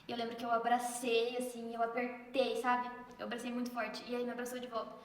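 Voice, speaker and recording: A woman giving an emotional faith testimony, talking fast to her viewers and fighting back tears. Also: on the high side, monotone. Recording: echoey room with long reverb, faint noise.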